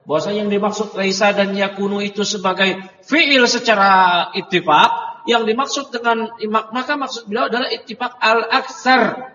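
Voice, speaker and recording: High-voiced male teacher in echoey hall. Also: steady tone, moderate pace, bright, forceful tone, far from the mic. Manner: translates phrase by phrase, drills and corrects students; frequent "ya" and "nah" fillers. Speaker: religious teacher. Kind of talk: classroom grammar lesson. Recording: dull echoey hall recording from afar.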